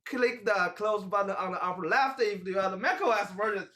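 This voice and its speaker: Seated at a table in a small room, a young man from China, whose first language is Mandarin, hosts a laid-back English talk show. His slightly high voice is bright and forceful with a Chinese accent, and he talks haltingly, stopping to find words and gesturing along the way.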